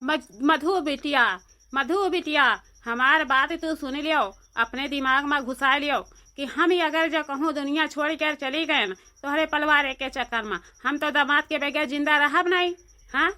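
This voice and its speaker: A woman's voice: sits high, moderate pace, sharp tone. Woman doing a lovesick Awadhi village mother. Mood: pleading. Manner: pleading, rustic dialect. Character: lovesick older village mother chasing her son-in-law. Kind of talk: cartoon voice acting.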